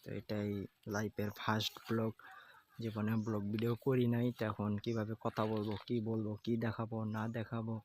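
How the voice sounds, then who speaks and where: Filming himself on an old handheld phone, a first-time vlogger rambles casually beside the fields under a hot sun, saying "okay?" again and again. His voice is fairly low, monotone, brisk and a little mellow, with a slight hiss or hum in the audio.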